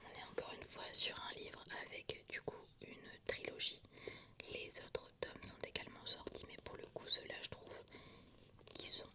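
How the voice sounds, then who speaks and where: A woman presenting books in a soft, hushed ASMR whisper, like someone whispering in a library. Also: moderate pace. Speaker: book vlogger presenting a reading list.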